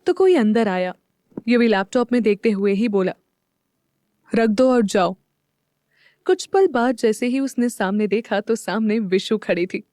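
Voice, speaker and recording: A woman's voice: fairly high pitch, animated, normal speed, warm tone, no echo, studio quality. A woman narrating a scripted audio drama, reading all the parts herself.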